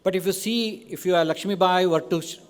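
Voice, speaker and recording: A man's voice: sits high, brisk. A man with an Indian accent giving an informal podium speech in a large hall, conversational and often checking in with his listeners. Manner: conversational, frequent "right?" and "okay?" check-ins. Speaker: conference speaker. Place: large indoor event hall, on stage. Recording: long reverberant hall sound.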